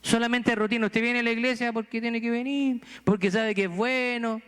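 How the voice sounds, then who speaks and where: A man's voice: very high-pitched, fairly even intonation, normal speed, a bit bright, clear, resonant tone, big-room sound. A man from Chile, a pastor with a Chilean accent, preaching a sermon earnestly and pressing the congregation with rhetorical questions. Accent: Chilean Spanish. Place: church sanctuary.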